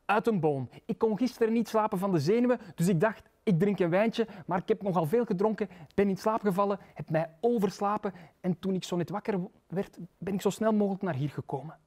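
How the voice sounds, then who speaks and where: A man's voice: high-pitched, darkish tone. A man with a Flemish accent voicing a nervous little male pig who rambles and pleads in a storybook reading. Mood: rambling. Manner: breathless rambling, pleading, fast.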